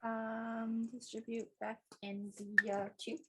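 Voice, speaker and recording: A woman's voice: on the high side, completely flat delivery, slow, bright, forceful tone. A woman student answering hesitantly over a laggy video call, her replies full of fillers. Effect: voice coming in over a laggy video call. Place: remote, joining by video call. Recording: faint, echoey call audio with light noise.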